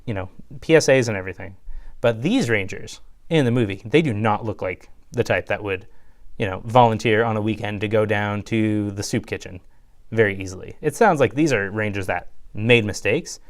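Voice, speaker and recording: Young guy rambling through a trailer review, lots of "like" and "you know", pitch jumps up when he's hyped. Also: normal speed. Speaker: YouTube reviewer. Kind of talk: casual solo review.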